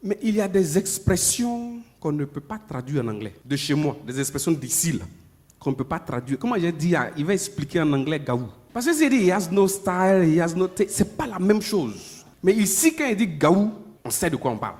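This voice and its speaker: A man preaches a sermon in a slightly high voice. He talks to the congregation in a chatty way and repeats his points often. His delivery swings from loud, emphatic peaks down to low, murmured asides. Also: big pitch swings, normal speed. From Ivory Coast. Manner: conversational, with many repetitions and asides to the congregation.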